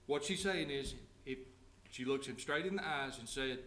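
A man preaching a sermon. He reads scripture slowly, then explains it in plain everyday words and asks the congregation direct questions. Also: medium pitch, pushed and bright, reverberant, slight background noise. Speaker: pastor. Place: church sanctuary.

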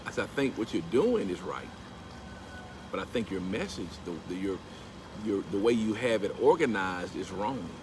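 A man with a low voice records himself on his phone, held at arm's length, outdoors beside a pool at a house. He talks at a normal speed in a casual storytelling vlog, turning animated and rising into emphatic preaching when he quotes scripture. Steady background noise runs under the outdoor recording.

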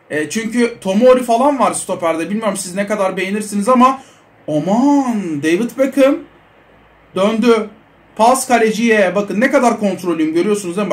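A young man giving casual, excitable commentary over a mobile football game, chatting to his viewers. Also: high voice. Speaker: mobile football gaming creator.

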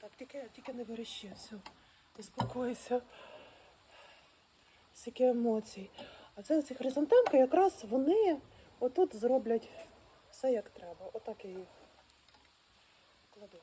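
A woman talking casually and with great excitement straight to her viewers, full of exclamations. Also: fairly high pitch, moderate pace, long pauses, a little hiss or hum. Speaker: vlogger arranging flowers. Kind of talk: casual how-to chat. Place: outdoors at home, birds nearby.

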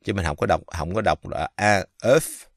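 A man from Vietnam giving a casual pronunciation lesson, speaking slowly and haltingly with many fillers and drawing out the example words. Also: low-pitched, fairly bright tone, no room sound, studio quality. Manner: slow, halting, many fillers, repeats French words drawn out. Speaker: French teacher.

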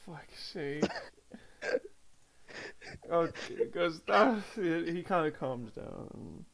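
A man's voice: a little high, animated, vocal fry, fairly bright tone. A man running a tabletop game as game master, talking casually and swearing now and then. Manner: quick, loose, swears casually.

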